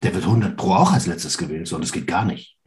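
Low-voiced and fast-talking, this thirtysomething podcast host keeps the interview casual, following up with engaged questions as they chat.

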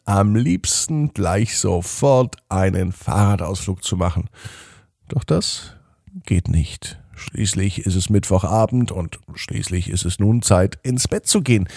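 A man's voice: low-pitched, vocal fry, mellow, slightly rough, dry recording, clean studio sound. A man hosting and narrating bedtime stories for children, addressing young listeners directly in simple, explanatory phrases. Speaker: podcast host and bedtime storyteller.

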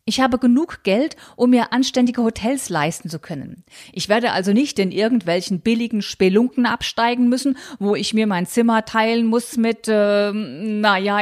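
A woman reading aloud and voicing a determined, free-thinking young woman writer who calmly stands her ground. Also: on the high side, normal speed, voice pushed up, close to an everyday voice.

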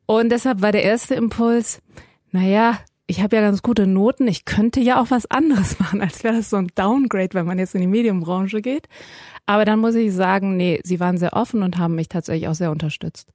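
A woman's voice: medium pitch, a little fast, darkish tone, dry recording, clean studio sound. A woman in her forties, a radio journalist, talking as a guest in a podcast interview, chatty, with many fillers and restarts. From Iranian family.

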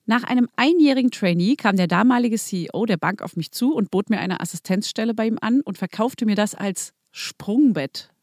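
A woman's voice: mid-range voice, a little mellow, no room sound. Female podcast host, reads a listener story with casual asides, dry close sound. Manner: reads a story aloud and breaks off for quick asides and laughs. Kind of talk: casual chat and reading aloud.

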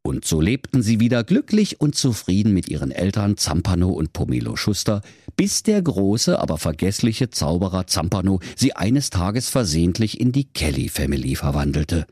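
A man's voice: deep voice, sing-song, normal speed, hardly any pauses, darkish tone, husky, dry recording, studio quality. Man telling a comic fairy tale. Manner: mock-solemn storybook telling. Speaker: storyteller.

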